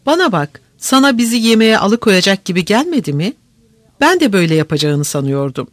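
An eager young man from a storybook, one of twin suitors, puzzling aloud over a girl's coolness, as the reader puts him on. The voice rises and falls in a lively way, recorded dry and close. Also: medium pitch, fairly quick, no echo. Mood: puzzled. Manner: puzzled, questioning.

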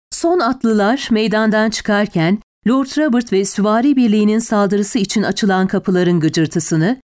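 Female audiobook narrator, mid-pitched voice, measured storytelling delivery. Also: darkish tone. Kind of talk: scripted narration.

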